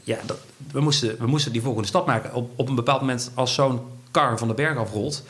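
A man talks fast as an interviewed entrepreneur. His sentences stop and restart, packed with fillers. His pitch sits in the middle range. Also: fairly bright tone. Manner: fast, halting speech with many fillers and restarts. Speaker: entrepreneur guest. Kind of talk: conversational interview.

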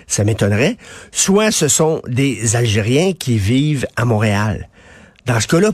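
A man's voice: mid-range voice, no echo. A male radio host with a Quebec French accent and a runny-nosed cold, giving an opinionated, colloquial monologue with emphatic repetition. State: head cold with runny nose.

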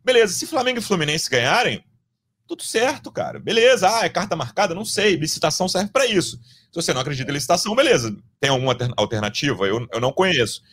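A man's voice: a little high, very animated, fast talker, fairly bright tone. A man with a Brazilian Portuguese accent hosts a casual football podcast, giving emphatic, colloquial opinions and repeating his points to drive them home. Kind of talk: casual opinionated sports discussion.

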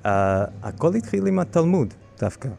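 A man with a lowish, mellow voice and a strong American English accent in Hebrew. He speaks as an interviewed curator, explaining haltingly, with restarts and a gravelly creak. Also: faint music behind. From United States. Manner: halting, with frequent hesitations and restarts. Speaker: guest curator of a library collection.

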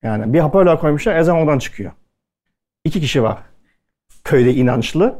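A man from Türkiye tells stories to a live audience in a loose, conversational way. His voice sits a little high for a man, and he keeps slipping into the voices of the people he quotes. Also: expressive, brisk, warm tone. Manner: chatty anecdotal delivery, acting out quoted dialogue. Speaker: speaker at a culinary event. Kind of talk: casual storytelling talk to an audience.

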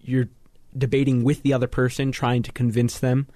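Teen boy panelist, measured and explanatory, mid-pitched, dry studio sound. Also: flat delivery, dark tone, no room sound. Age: teens. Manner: measured, explanatory, frequent ums. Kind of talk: thoughtful radio panel talk. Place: radio studio.

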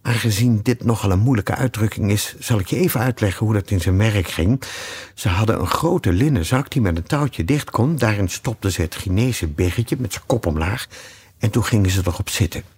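A man reading a children's classic aloud with lively, expressive narration. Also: lowish voice, normal speed, husky. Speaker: audiobook reader. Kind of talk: storybook reading.

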